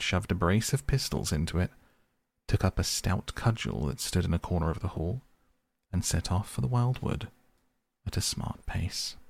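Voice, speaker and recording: Man, storybook narrator, low, gravelly, husky, measured pace. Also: a little mellow. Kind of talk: storybook reading.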